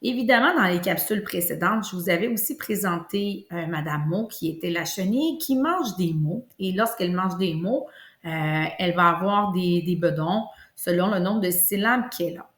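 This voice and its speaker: A woman with a Québécois French accent, teaching a kindergarten lesson and slowly stretching out sounds for young children. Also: on the low side, expressive. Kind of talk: classroom lesson video. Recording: echoey room.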